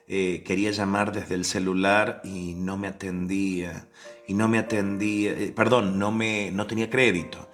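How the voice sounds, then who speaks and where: A man's voice: lowish voice, a bit bright. An Argentine man giving a novena talk with a personal story, speaking conversationally with restarts and questions to the listeners. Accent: Rioplatense Spanish. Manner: acts out the voices in his story. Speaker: preacher.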